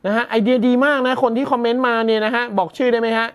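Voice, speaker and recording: A male tech news host talks through the story in a loose, conversational way. He sounds amused and chuckles often, slowing down when he reads out technical terms. The delivery is casual and reactive, not scripted. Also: very high voice, fairly even intonation, clean tone. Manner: chatty and amused, laughs often, mock-shouts.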